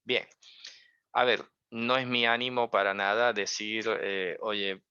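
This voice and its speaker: A man's voice: mid-range voice, fairly even intonation, a little slow, pushed and bright, smooth, dry recording. A man teaching a religious lesson in a conversational way, asking many rhetorical questions and carefully hedging his interpretations. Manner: conversational, full of rhetorical questions and check-ins. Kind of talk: explanatory lesson. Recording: dull, dry lo-fi recording.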